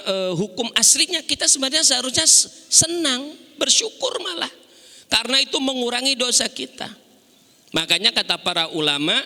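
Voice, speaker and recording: Male preacher, lively sermon, high bright voice, gravelly edge, long hall reverb. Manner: animated, conversational, asks the women in the audience questions. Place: mosque.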